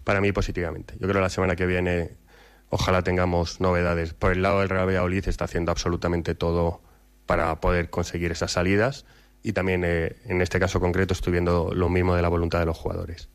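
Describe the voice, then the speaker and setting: A man speaking as a club representative, giving a formal, measured press-conference statement with hesitations. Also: low voice, completely flat delivery, clean tone. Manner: measured, hesitant with fillers and restarts.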